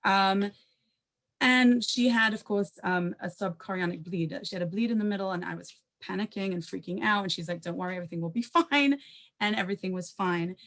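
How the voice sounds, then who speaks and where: Animated woman telling a personal story. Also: medium pitch. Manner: animated, conversational, peppered with Hebrew terms; quick asides and self-corrections. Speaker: panelist sharing a personal story. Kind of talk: personal storytelling at a panel talk.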